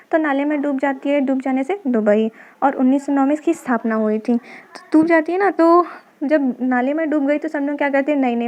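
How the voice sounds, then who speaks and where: A woman's voice: high-pitched, a little mellow. A woman teaching an exam-prep lesson, explaining memory tricks patiently and answering her own questions. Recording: dull lo-fi recording.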